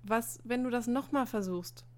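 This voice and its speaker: A woman's voice: a little high, darkish tone, natural voice. A woman reading a sensible, worried schoolboy. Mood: earnest. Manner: measured, reasoning, slightly formal. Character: earnest, worried teenage schoolboy.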